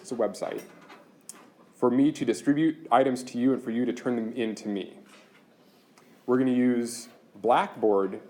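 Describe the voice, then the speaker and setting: A university instructor explains course logistics step by step during a classroom lecture, keeping things practical and chatty. His voice is mid-range with a darkish tone, and there's a little hiss or hum in the recording.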